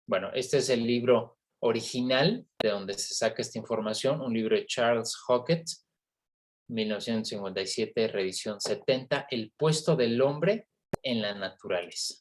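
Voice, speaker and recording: A man's voice: medium pitch, normal speed. A man giving an online university lecture on phonetics, explaining patiently and checking in with frequent tag questions.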